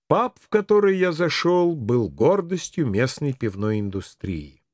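A man's voice: fairly high pitch, no echo, clean studio sound. A man narrating a first-person fiction audiobook in a wry, dryly ironic tone.

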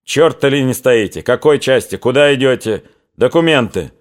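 A man's voice: medium pitch, normal speed, darkish tone, lightly acted. A man voicing a stern male Cossack sergeant who puts on a show of strictness, in a spoken audiobook.

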